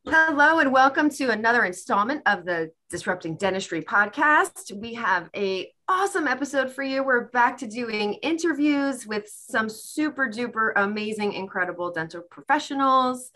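A woman's voice: on the high side, animated, moderate pace, hardly any pauses, pushed and bright. A woman with an American accent hosting a podcast in an upbeat, enthusiastic, chatty style. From United States. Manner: effusive, enthusiastic. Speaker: podcast host.

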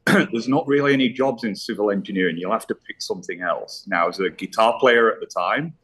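A middle-aged man with a Yorkshire English accent, a pipe maker chatting as an interview guest, self-deprecating and quick to laugh. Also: lowish voice, a bit bright, slightly rough. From Leeds, West Yorkshire, England. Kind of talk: casual interview chat.

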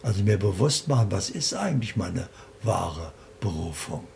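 A man with a gravelly edge to his voice talks in a slow, deliberate way, setting out his ideas as a list. There is a faint hiss behind him. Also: sits low, big pitch swings, a little mellow. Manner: slow, deliberate, explaining in lists. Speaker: interview guest. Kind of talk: calm spiritual interview talk.

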